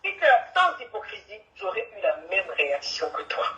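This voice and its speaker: A woman's voice: medium pitch, big pitch swings, moderate pace, bright, forceful tone, highs cut off, pitched below the performer's own voice. Woman playing a sarcastic, bickering wife. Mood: defensive. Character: defensive woman arguing with her partner. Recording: echoey room, from far off.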